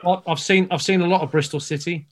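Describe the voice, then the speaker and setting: Measured man previewing a match. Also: high voice, steady tone, slight background noise. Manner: measured, analytical, with ums. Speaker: football pundit.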